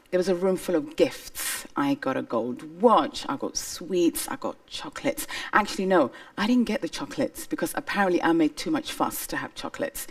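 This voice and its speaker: Somali woman on a stage, low-ish voice, telling her own story earnest and emphatic, sounds a bit far from the mic. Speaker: speaker on stage. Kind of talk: personal testimony talk. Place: stage before an audience.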